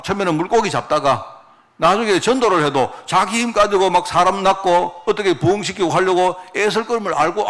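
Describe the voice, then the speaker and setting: A man's voice: a little high, a bit bright. A male pastor preaching a sermon. He keeps asking the congregation questions and acts out quoted lines from the disciples.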